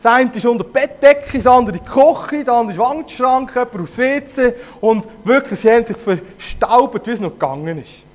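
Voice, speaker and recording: A man with a Zurich Swiss German accent casually retelling a fairy tale, lively, with hesitations. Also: extremely high pitch, a little fast, few pauses. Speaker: storyteller.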